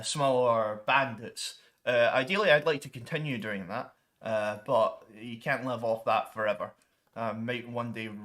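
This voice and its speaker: Male gaming streamer, bright forward voice, chatty and rambling, casual commentary over gameplay. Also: on the low side. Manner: rambling, many ums and restarts, mild swearing substitutes.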